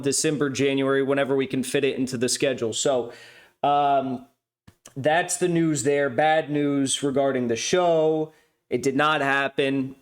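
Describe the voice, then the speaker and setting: Rambling sardonic male stream host. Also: a little high. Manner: rambling and sardonic, mocking asides. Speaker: livestream news host. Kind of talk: casual off-the-cuff monologue.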